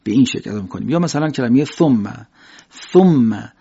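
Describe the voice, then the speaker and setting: A man teaching the pronunciation of Quranic letters, explaining step by step and slowly demonstrating each sound. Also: medium pitch, lively intonation, gravelly, warm tone, husky. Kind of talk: pronunciation lesson. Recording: dull lo-fi recording.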